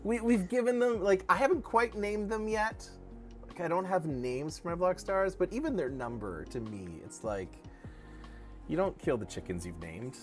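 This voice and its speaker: A man's voice: high voice, lively intonation, normal speed, soft background music. A middle-aged man co-hosting a casual livestream, rambling and joking as he restarts his sentences. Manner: rambling, self-correcting, jokey. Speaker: co-host of a crypto dev livestream.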